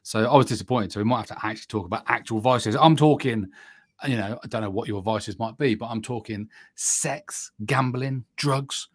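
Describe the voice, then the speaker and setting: A man's voice: medium pitch, moderate pace, husky, dry recording. A man co-hosting a casual podcast, jokey and rambling, speaking into a desk microphone at home. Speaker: podcast co-host. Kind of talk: casual chat. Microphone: desk USB microphone.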